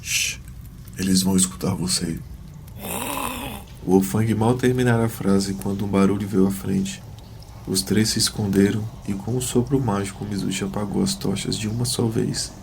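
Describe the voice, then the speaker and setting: A man reads a scripted fantasy tale as narrator. His voice is deep and creaky, and his delivery stays very even in pitch. Some light noise is present behind him. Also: moderate pace.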